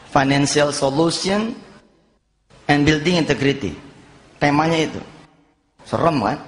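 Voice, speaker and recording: A middle-aged man preaching a sermon, telling stories and acting out the dialogue with lively energy. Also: fairly high pitch. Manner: lively storytelling, acts out dialogue. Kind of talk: sermon with anecdotes. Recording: long hall reverb.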